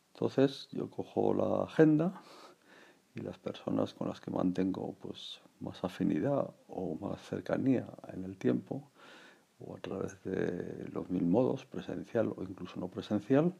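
Older guy rambling on his podcast, super gravelly, kinda husky. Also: low-pitched, dark tone. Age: around 60. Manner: rambling, reflective, many fillers and restarts. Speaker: podcast host. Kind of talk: casual personal monologue.

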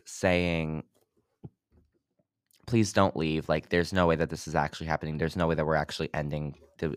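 A man's voice: very deep voice, clear, resonant tone, no room sound, clean studio sound. A young man hosting a casual music review podcast, loose and chatty with lots of fillers. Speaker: podcast host.

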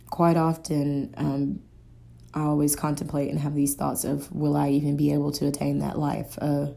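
A woman's voice: deep voice, gravelly, dark tone. A young woman, hosting a solo podcast in a rambling, casual stream of consciousness, often hunting for words. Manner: rambling, searching for words, filler-heavy. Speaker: podcast host.

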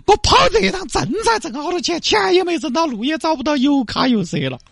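A man putting on a high-pitched, whiny woman trucker, wailing and complaining in a comedy sketch. Her voice swoops up and down all over the place, and it sounds close and dry, with no room around it. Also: animated, fast, vocal fry, fairly bright tone, no echo, heavily acted. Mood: whiny, tearful. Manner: whiny, self-pitying wailing and dramatic complaints. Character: weepy, helpless woman trucker, middle-aged.

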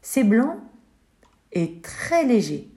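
A woman's voice: a little high, big pitch swings, very slow, pitched above the performer's own voice, heavily acted. A woman reading a patient kindly stranger. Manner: gentle, patient explaining.

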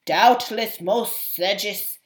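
A woman's voice: medium pitch, takes it slowly, natural voice. A woman voicing a cold, calculating male army captain who speaks formally and haughtily. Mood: haughty. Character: cold scheming foreign army captain, man.

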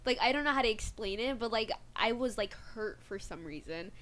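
A woman's voice: fairly high pitch, moderate pace. Young woman telling a rambling story. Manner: rambling, many fillers, animated. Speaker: guest. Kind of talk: casual storytelling chat.

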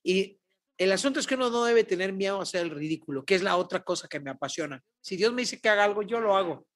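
A middle-aged Mexican woman, a guest prophet, telling a lively faith story on a podcast and acting out the dialogue. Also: mid-range voice, fast. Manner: animated, acts out dialogue.

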